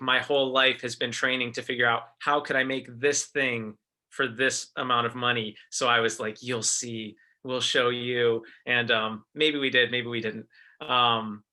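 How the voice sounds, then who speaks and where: A man's voice: mid-range voice, bright, forceful tone. A man from American Samoa who teaches film, introducing himself casually on a video-call panel with lots of ums and restarts. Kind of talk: panel discussion, personal intro.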